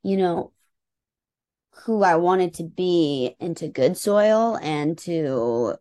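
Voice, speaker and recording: A singer-songwriter from the United States speaks as an interview guest in a fairly low, dark-toned voice at a slow pace. With her American accent, she sounds casual, earnest and reflective, often dropping in "like" and "you know".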